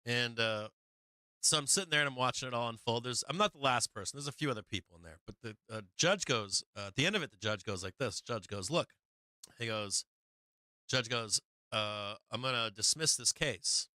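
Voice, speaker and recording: A man hosts a stock market livestream in a bright, smooth, resonant voice, recorded dry and close. He tells stories casually, with frequent fillers and swearing. He acts out the people he quotes in a raised voice. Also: mid-range voice, lively intonation, a little fast, no echo. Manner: profane, rambling, with many fillers.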